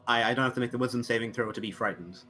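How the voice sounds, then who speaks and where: A man's voice: mid-range voice, racing, pushed and bright, slight background noise. A man chatting casually as a player in a tabletop game.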